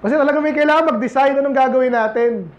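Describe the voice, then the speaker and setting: A man's voice: very high voice, fast talker. A Filipino man preaching a sermon as pastor, talking conversationally to the congregation and rising to emphatic points. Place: church. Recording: echoey church room, dull lo-fi sound.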